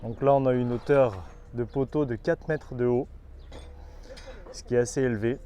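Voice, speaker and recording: A man's voice: mid-range voice, moderate pace, warm tone, highs cut off, slight background noise. A man giving an informal on-site walkthrough of a building site, explaining the work with some hesitant fillers. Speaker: construction company guide.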